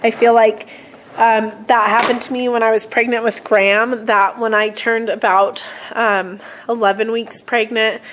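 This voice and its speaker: Give me a young woman with a hoarse, cold-roughened voice, pitched a bit high, chatting casually to a camera in her kitchen. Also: level tone, a little slow, fairly bright tone, slight background noise, rough recording. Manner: chatty, rambling with frequent ums and throat-clearing. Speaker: vlogger. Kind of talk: casual vlog chat to camera. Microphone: camera set on a surface.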